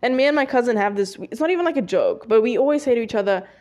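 A woman's voice: fairly high pitch, lively intonation, racing, darkish tone. A young woman of nineteen hosting a solo podcast, chatting casually with many fillers and self-corrections. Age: young adult. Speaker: podcast host.

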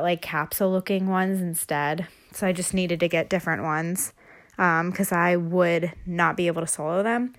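A young woman chatting casually on a solo podcast, rambling as she thinks aloud, with a stuffy nose and short of breath from a cold, breathing through her mouth. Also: lowish voice. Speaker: podcast host.

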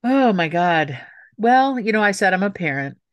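This interview guest, a middle-aged author and city council member, talks at a normal speed in a mid-range voice with big pitch swings. She is heartfelt and emphatic, repeating phrases for stress, in a dry recording.

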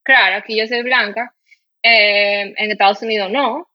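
Una mujer latinoamericana que habla de forma sincera y reflexiva en una conversación informal, con muchas muletillas. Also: female voice, mid-range voice, steady tone, moderate pace, dry recording, muffled recording. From Latin America. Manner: candid, reflective, frequent fillers. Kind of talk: casual conversation.

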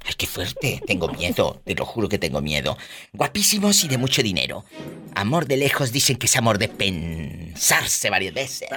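Flamboyant teasing Mexican comedy host. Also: male voice, lowish voice, big pitch swings, moderate pace, over music. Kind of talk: comedic radio-style hosting.

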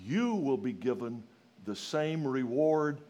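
A man from rural Louisiana with a Southern US accent, preaching a sermon in a folksy, emphatic way, putting questions to his listeners and moving between raised exclamations and hushed phrases. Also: medium pitch, very animated, slow, lo-fi sound. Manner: folksy, rhetorical questions to the congregation.

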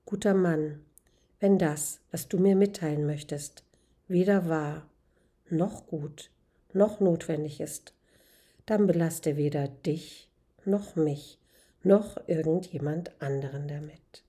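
Woman reading as a wise old male philosopher, patient questions, measured, soft mellow tone, storybook. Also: a little high. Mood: gentle.

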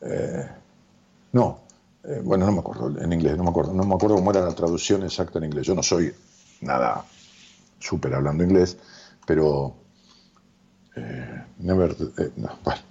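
Un hombre con acento rioplatense que conduce una transmisión en vivo como psicólogo, lee comentarios de su audiencia y charla de forma relajada, con muchas muletillas y divagaciones. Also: male voice, low voice, normal speed, vocal fry, pauses often, breathy edge. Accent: Rioplatense Spanish. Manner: animated, rambling, jokey, with many fillers. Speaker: psychologist hosting a live stream. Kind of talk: casual live-stream chat reading viewer comments. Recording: dull lo-fi stream audio.

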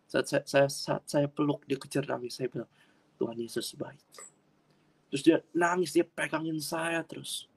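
A man preaching a personal testimony sermon in an earnest way, with sudden loud bursts of emphasis and frequent repetition. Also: a little high, fairly even intonation, normal speed, gravelly, breathy edge. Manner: addresses audience as friends, repeats himself.

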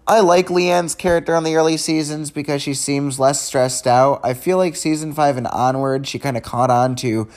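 A man's voice: fairly high pitch, steady tone, moderate pace, hardly any pauses. A man hosting a podcast, reviewing in a casual, unedited way, rambling conversationally with frequent restarts and stammers. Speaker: podcast host.

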